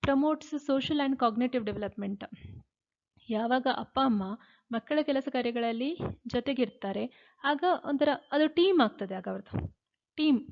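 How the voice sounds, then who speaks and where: Woman lecturing over a tinny line. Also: sits high. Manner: reads English points then explains in Kannada. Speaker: teacher. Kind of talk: lecture explaining slides. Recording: phone-like narrow sound.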